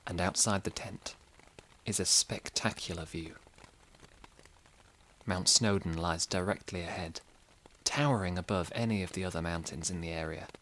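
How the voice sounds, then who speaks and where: Male sleep-story narrator, deep low register, slow soothing delivery. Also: fairly bright tone, a little hiss or hum, low-quality recording.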